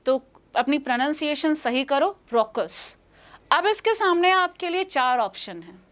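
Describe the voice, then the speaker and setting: A woman's voice: high voice, lively intonation, measured pace, a bit bright. A young woman with an Indian accent giving a live English exam-prep lesson, repeating each question and answer and calling her students "beta". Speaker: English teacher.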